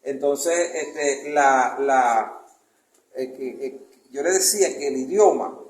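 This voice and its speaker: A man's voice: mid-range voice, takes it slowly. A man with a Venezuelan Spanish accent giving an informal talk as a chronicler, rambling and searching for words, often checking that his listeners follow. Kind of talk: informal lecture with questions. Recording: echoey room with faint noise.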